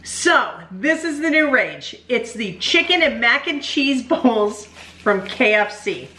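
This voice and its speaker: A woman's voice: fairly high pitch, very animated, slow, pushed and bright. A middle-aged woman hosting a casual food-review mukbang, chatty and teasing, giggling often. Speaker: channel host. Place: home studio room. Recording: echoey room with faint ambient noise.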